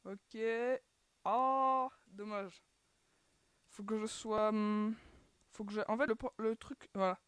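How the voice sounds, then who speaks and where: Female gaming host with a dry, close sound and middling pitch, talking casually and hesitantly while she plays. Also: little pitch movement, a little slow, long pauses, clear, resonant tone, no room sound. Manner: chatty, filler-heavy, keeps sighing "too bad" at failed attempts. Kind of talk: casual gameplay commentary.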